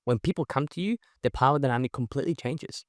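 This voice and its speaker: Appearing as a podcast guest, a young networking event organizer from Chile talks in a mid-range voice, fast and emphatic, relying on "right?" tags in energetic, casual interview talk. His first language is Spanish, and his accent combines Spanish and Australian. The studio-quality audio has no room sound.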